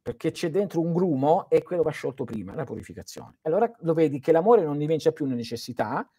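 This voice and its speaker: A man's voice: on the high side, animated, fast talker, warm tone, husky, no room sound, clean studio sound. Earnest man teaching on a live stream. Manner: earnest, didactic, speaks straight to listeners. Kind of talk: answering viewer questions in a live stream.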